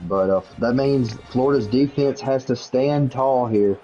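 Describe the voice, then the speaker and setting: Excitable male play-by-play caller, dark tone. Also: mid-range voice, dull audio, faint music behind. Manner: quick, jokey, rises to shouts on big plays. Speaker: play-by-play commentator. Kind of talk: play-by-play commentary of a video game league.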